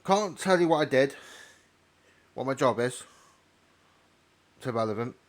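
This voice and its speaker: A man from North Wales gives casual commentary while playing a train simulator, rambling and correcting himself like a storyteller. His voice is mid-range with lively intonation, and he doesn't hurry.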